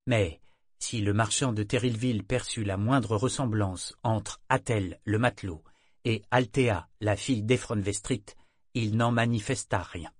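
Male audiobook narrator, lowish voice, even steady reading, dry close sound. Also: no echo. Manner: measured and even. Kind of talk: scripted narration.

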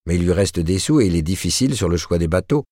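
Man voicing a weary wife, plaintive, lifted well above a deep voice, dry recording. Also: animated, fast, warm tone, no echo. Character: worn-out, sighing working-class wife, quietly defiant.

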